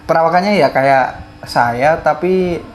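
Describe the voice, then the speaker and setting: A man's voice: a little high, measured pace, faint music behind. A man, a guest telling a story in casual talk, hesitant and full of fillers and restarts.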